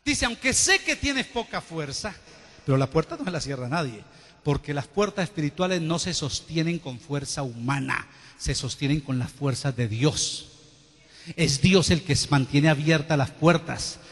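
A man's voice: on the high side, animated, moderate pace, fairly bright tone. A man preaching a sermon with fervor, calling out to the congregation and having them repeat his words. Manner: fervent preaching with call-and-response to the congregation. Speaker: pastor. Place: large church hall. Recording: long church-hall reverb.

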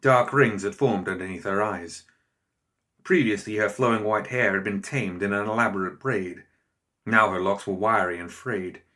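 Male narrator, lowish voice, steady audiobook reading. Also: normal speed. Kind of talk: scripted narration.

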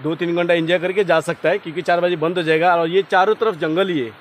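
A man filming a casual travel vlog outdoors by a loud waterfall, excited and jokey, often repeating himself. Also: high voice, fast. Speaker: vlogger. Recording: noisy outdoor recording. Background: waterfall roar and ambience.

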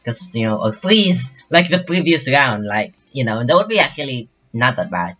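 A man's voice: mid-range voice, very animated, moderate pace, bright, forceful tone, muffled recording, soft background music. A young man commentating his own online game battle in a casual, rambling way, full of fillers and restarts. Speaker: gaming channel host.

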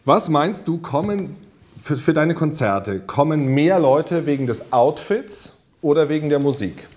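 A man's voice: on the high side, expressive, a little slow, a little mellow. A man in his thirties conducting a teasing mock interrogation, putting questions and accusations in a needling, provocative way. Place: small indoor studio room.

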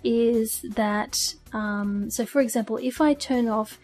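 A woman's voice: fairly high pitch, slow, a little mellow, faint music behind. A woman hosting a casual streaming tutorial, chatty and laughing at herself, on a desk microphone. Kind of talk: casual screen-recorded tutorial. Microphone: desk microphone with audio filters. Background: fan hum and birds.

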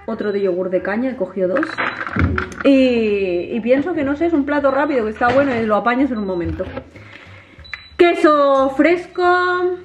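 A woman's voice: on the high side, brisk, muffled recording, over music. A woman, chatting casually to viewers in her home kitchen as a vlogger. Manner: chatty, animated, addresses viewers directly. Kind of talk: casual home vlog chat.

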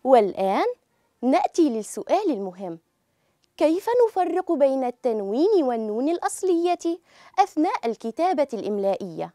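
A woman teaching a children's grammar lesson, speaking slowly and clearly and drawing out each example word for pupils to repeat. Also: sits high, sing-song, dark tone, dry recording, clean studio sound. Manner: clear, drawn-out model pronunciation.

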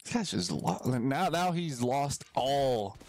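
A young man streaming a ranked online game, giving excitable casual commentary and trash-talking his opponent. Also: medium pitch, slow pace, a little hiss or hum. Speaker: gaming streamer.

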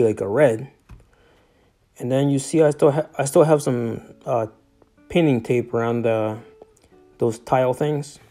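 Mellow-voiced man rambling on a house tour. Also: mid-range voice. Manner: rambling, hesitant, with many fillers and restarts. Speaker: homeowner giving a house tour. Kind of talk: casual house tour narration. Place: inside a small home. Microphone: handheld phone camera, off screen.

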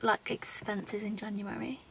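A young woman from the UK, a fitness vlogger, chatting casually and quickly with her twin while they sit in a car at night, laughing easily. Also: mid-range voice, steady tone, gravelly, crowd noise, low-quality recording. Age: young adult. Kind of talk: casual chat. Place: parked car at night, lit by an interior light.

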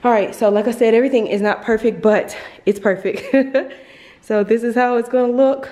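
A woman gives a casual home tour of her apartment as a lifestyle vlogger, gushing and chatting while filming with a handheld compact camera mic. Her mellow voice is fairly high, with fairly even intonation at a moderate pace.

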